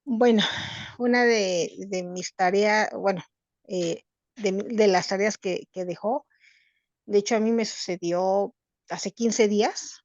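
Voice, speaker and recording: Middle-aged Mexican woman, earnest group-session storyteller with a halting delivery, over muffled video-call sound. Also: medium pitch, steady tone, darkish tone, no echo. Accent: Mexican Spanish. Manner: earnest, halting, with many restarts. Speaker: workshop participant.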